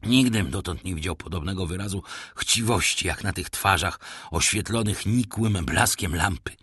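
A man giving expressive, theatrical narration of a classic novel as an audiobook reader. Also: low-pitched, breathy edge, dry recording, clean studio sound. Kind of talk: dramatic literary narration.

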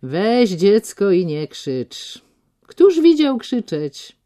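A woman voicing a deaf older gentleman who talks loudly and insistently, with a dry, teasing manner. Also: mid-range voice, big pitch swings, very slow, voice pushed up.

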